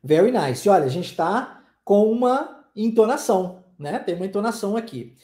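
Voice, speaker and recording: A male English teacher leads an online class with a mellow tone and a lively, swinging intonation. He explains emphatically and keeps tagging short check-ins onto his sentences. The sound carries a roomy echo. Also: high-pitched, moderate pace.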